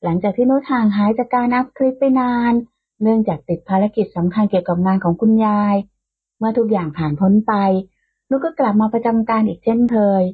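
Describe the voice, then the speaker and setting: A woman hosting and narrating a romance audio novel in a smooth, steady storytelling manner, with a tinny phone-like sound. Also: a little high. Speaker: audiobook narrator and channel host.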